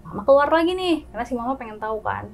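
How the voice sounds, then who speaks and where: A woman's voice: a little high, rapid-fire, gravelly, slight background noise. A woman guest telling her own experience in a casual chat, acting out the scenes with quoted dialogue. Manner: lively, acts out scenes with gestures and quoted dialogue.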